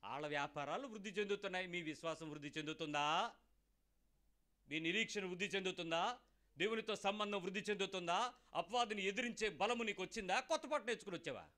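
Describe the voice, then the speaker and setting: A middle-aged preacher with a high, bright, ringing voice. He drives his sermon with emphatic rhetorical questions, one after another. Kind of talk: Telugu sermon.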